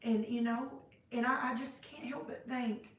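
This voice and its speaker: A woman's voice: a little high, fairly even intonation, normal speed, a little hiss or hum. Chatty rambling woman in a roomy space. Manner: rambling and chatty, many fillers and restarts; self-described hyper and sentimental. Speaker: vlogger. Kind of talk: casual reflective faith-based vlog. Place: indoors, cold room. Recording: roomy sound, mic at a distance.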